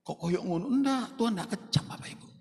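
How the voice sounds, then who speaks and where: A male preacher with a Surabaya Javanese accent delivers an animated sermon, his high voice rising and falling widely. He talks directly to the congregation and drifts into local dialect. The sound carries a long reverb from a church hall. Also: quick pace. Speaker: pastor. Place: church sanctuary.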